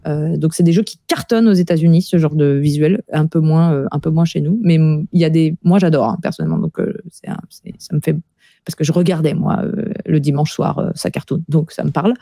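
Give me a woman co-hosting a casual podcast, with a warm, mellow voice, recorded dry, talking with lots of fillers. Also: sits low, lively intonation, brisk, no echo. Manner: chatty, hesitant with many fillers. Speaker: podcast co-host. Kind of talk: casual chat about board game news.

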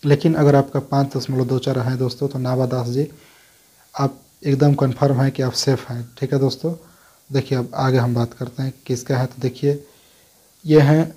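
A man's voice: medium pitch, dark tone, breathy edge. A man hosting a casual talk in which he answers viewer questions. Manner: conversational, repeats "dekhiye" and "dosto" often. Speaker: host answering viewer comments.

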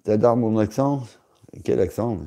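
A male streamer talks loosely to his viewers, filling gaps with hesitations and teasing jokes. His voice sits low and sounds deeply warm and dark. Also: unhurried. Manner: rambling, joking, many hesitations. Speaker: live streamer reading chat. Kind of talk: casual live-stream chat.

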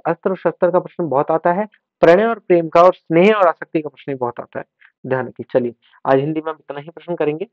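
A male teacher running a brisk exam revision lesson, drilling words and spellings and checking in with "ठीक है" as he goes. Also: on the high side, no room sound. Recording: tinny phone-like sound.

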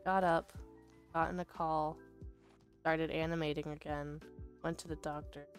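Woman, low voice, very tired and yawning, casual stream chat, faint music. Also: flat delivery, unhurried.

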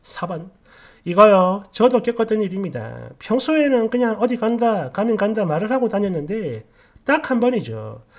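Woman, story narrator, chatty, indignant asides, very lively pitch, middle pitch. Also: moderate pace. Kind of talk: storytelling narration of reader stories.

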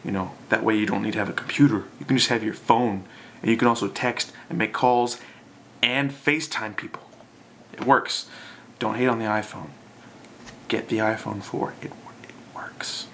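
A man's voice: fairly low pitch, fairly even intonation, moderate pace, gravelly, fairly bright tone, slight background noise. A young man in casual, drunken, loosely rambling chat to a camera, as in a video message to a friend. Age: young adult. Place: small bedroom, indoors.

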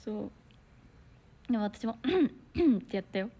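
A young woman chatting casually on a solo livestream, reading viewer comments and telling a story with loud outbursts and hushed asides. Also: mid-range voice, level tone, normal speed. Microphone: phone or computer mic on a solo livestream.

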